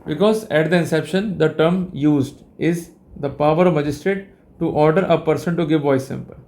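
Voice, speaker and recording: A legal lecturer with an Indian accent speaks in a somewhat high, slightly mellow voice. He's formal and deliberate, explaining step by step and relying on repeated linking phrases.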